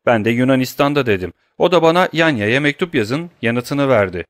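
Reading an audiobook, a man voices a middle-aged banker who is scared yet indignant, protesting defensively and with agitation. He pitches it above his own voice while staying near an everyday register, mid-range with lively intonation at a normal pace. The studio sound is clean, with no room sound.

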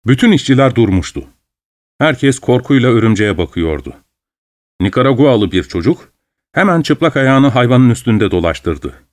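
A man reads a story aloud in a calm, measured voice of middle pitch. The recording is dry and close, with no room sound. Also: no room sound. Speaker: narrator. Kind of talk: audiobook reading.

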